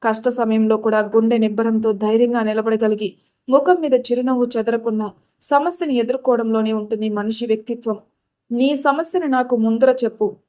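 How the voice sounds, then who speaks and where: A woman's voice: fairly high pitch, steady tone, a little fast, mellow, lightly acted. Woman voicing a protective older sister. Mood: comforting. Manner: comforting, then scolding. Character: caring elder sister, firm and protective.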